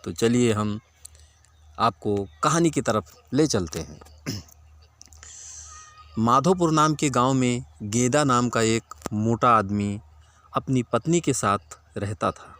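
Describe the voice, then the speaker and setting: A man narrating a children's village story in a plain, steady storytelling way. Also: mid-range voice, takes it slowly, pauses often, no room sound.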